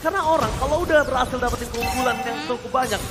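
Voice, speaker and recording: High-pitched Indonesian man, fighting game announcer style. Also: very fast. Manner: dramatic, shouts kill calls. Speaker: esports play-by-play caster. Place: live esports tournament broadcast. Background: loud music.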